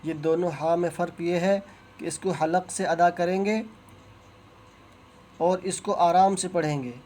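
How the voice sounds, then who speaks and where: Man teaching letters slowly. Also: high voice, fairly even intonation, mellow. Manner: drawn-out, careful letter recitation with pauses. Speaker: Quran teacher. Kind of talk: slow teaching of Arabic letter pronunciation.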